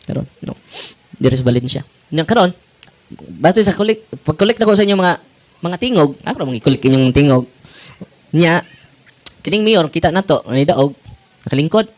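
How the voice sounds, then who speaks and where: Priest, 40s, animated sermon with laughs, highish and very lively. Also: male voice, moderate pace, long pauses. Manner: animated, laughing, switching languages. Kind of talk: sermon to parishioners.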